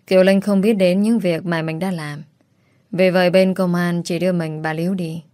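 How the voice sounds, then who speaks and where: A woman narrating a romance story with a steady, even reading manner. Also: fairly low pitch, normal speed, dry recording, studio quality.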